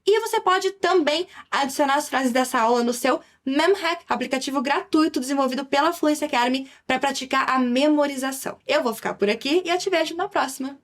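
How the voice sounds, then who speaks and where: A young woman with a Brazilian Portuguese accent teaching an English lesson in a lively, chatty way, slowing down for English examples. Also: high voice. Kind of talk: online language lesson.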